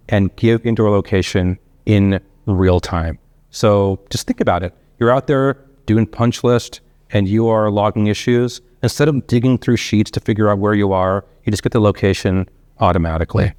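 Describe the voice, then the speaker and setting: Speaking in brief, punchy lines peppered with rhetorical questions, a chief executive gives a conversational keynote with slick corporate enthusiasm. The man's lowish voice is a little mellow, with no echo.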